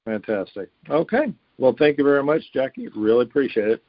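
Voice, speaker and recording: A man's voice: mid-range voice, sing-song, fairly quick, dry recording. A man phoning in to a radio show, asking questions hesitantly with many fillers. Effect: caller heard over a phone line. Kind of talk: casual phone-in questions. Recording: dull lo-fi phone line, dry.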